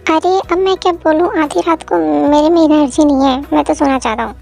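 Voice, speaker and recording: Brief: sleepy, grumbling young husband, woman voicing, lower than her usual voice, audio drama. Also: fairly quick, creaky, a little mellow, soft background music. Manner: tired, grumbling, exasperated. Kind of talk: Hindi fan audio drama.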